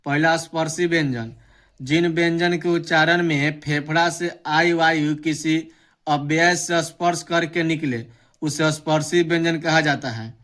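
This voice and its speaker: A young man giving an exam-prep grammar lesson, reading out definitions slowly and repeating them. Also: on the high side, fairly even intonation, fairly bright tone. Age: young adult. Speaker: teacher.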